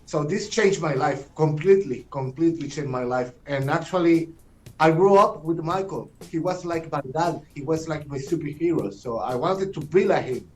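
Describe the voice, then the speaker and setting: A Chilean man, a native Spanish speaker, answering interview questions in halting second-language English, often repeating words and checking "you understand?". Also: fairly high pitch, rough recording. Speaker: guest, [name] tribute performer.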